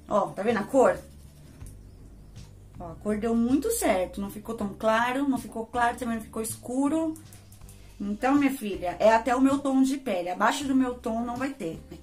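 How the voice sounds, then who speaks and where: A woman's voice: a little high, darkish tone. A Brazilian woman with a Brazilian Portuguese accent, chatting casually to her viewers as she tries out and reviews a face powder. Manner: chatty, addresses viewers as gente. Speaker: beauty vlogger.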